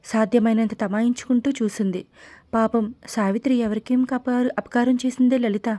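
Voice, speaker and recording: A woman narrating an audiobook in a calm, steady way. Her voice sits a little high but sounds mellow and warm, and the recording is close and dry with no room sound. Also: normal speed, no room sound. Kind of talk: scripted narration.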